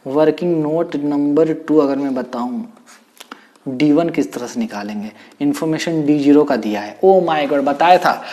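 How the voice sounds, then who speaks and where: A male teacher giving a recorded lecture with an animated, playful manner, often exclaiming and repeating words. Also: fairly high pitch, unhurried.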